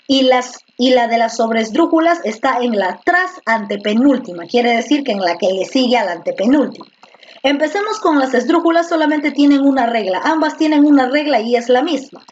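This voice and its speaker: Heard over a computer mic during a video class, a female teacher quizzes her pupils and patiently says words again and again. She speaks in a high-pitched voice. Faint background noise sits under slightly muffled, lo-fi sound.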